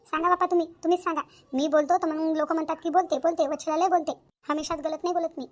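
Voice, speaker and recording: A woman's voice: very high voice, steady tone, fast talker. A woman voicing a nagging, thrifty older mother-in-law in a cartoon comedy, scolding and repeating herself. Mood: complaining. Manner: scolding, repetitive.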